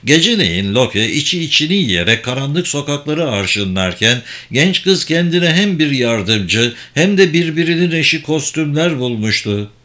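A man narrating a fantasy audiobook in a measured, even storytelling delivery. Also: mid-range voice.

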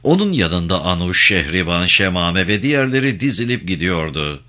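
A man's voice: deep voice, sing-song, moderate pace, bright, forceful tone. A man narrating a novel in a dramatic storytelling manner. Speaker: audiobook narrator.

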